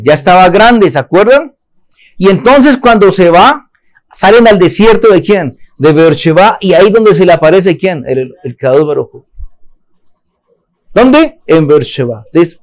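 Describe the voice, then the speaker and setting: A man teaching a Torah lesson, asking his listeners questions and answering them himself. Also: high voice.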